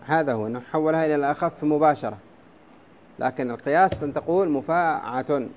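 A man's voice: on the high side, fast talker, a little mellow, a little hiss or hum. A man teaching a class on Arabic prosody, explaining step by step and quizzing his students with questions. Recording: dull lo-fi classroom recording.

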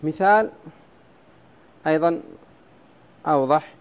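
A man's voice: fairly high pitch, slow. Man teaching a class, dull recording. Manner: explains step by step, quizzes students with questions. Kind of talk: classroom lecture on Arabic prosody.

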